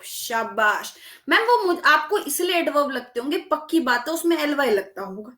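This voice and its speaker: Lively high-voiced woman teacher. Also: reverberant. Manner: lively, scolding, asks students to repeat answers. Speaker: English grammar teacher. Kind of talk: classroom lesson to students.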